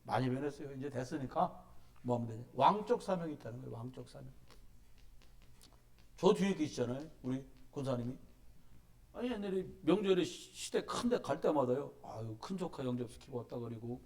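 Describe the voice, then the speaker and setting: A middle-aged man preaching as a pastor in a church sanctuary, telling stories and urging his listeners with emphatic, animated delivery. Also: mid-range voice, brisk. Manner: animated storytelling, emphatic exhortation. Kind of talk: sermon.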